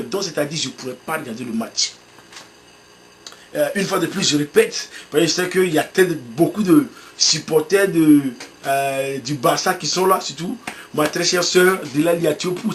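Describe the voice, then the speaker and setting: High-voiced man telling an animated story. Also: a little hiss or hum. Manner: animated storytelling, acts out his own excitement. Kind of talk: sermon illustration told as a story.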